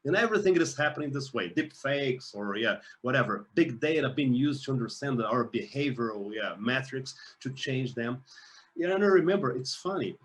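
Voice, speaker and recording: A man's voice: medium pitch, animated, normal speed. Enthusiastic man moderating a panel. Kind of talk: panel discussion.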